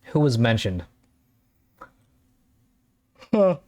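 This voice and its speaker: A man's voice: medium pitch, very animated, very slow, mellow. A man streaming a story game, talking in a rambling, offhand way and swearing casually. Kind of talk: casual let's-play commentary.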